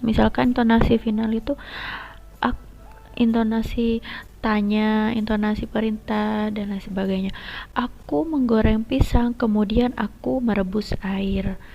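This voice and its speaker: A woman teacher explaining a lesson step by step and addressing her students directly, her voice often trailing into a soft whisper. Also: mid-range voice, level tone, measured pace, gravelly. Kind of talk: recorded classroom lesson. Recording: lo-fi dull recording.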